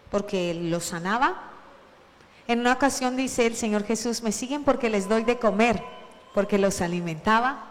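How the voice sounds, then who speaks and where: A woman preacher giving a lively sermon, acting out the shouts of the Bible story as she retells it. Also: on the high side, in a large hall. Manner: animated, acts out shouted Bible quotes.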